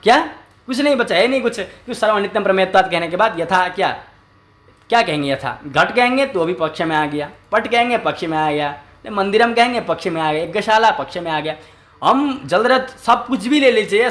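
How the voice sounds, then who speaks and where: A man's voice: fairly high pitch, fairly bright tone. A man teaching a classical Sanskrit logic text as a lecture, often asking rhetorical questions and answering them himself, and repeating key terms.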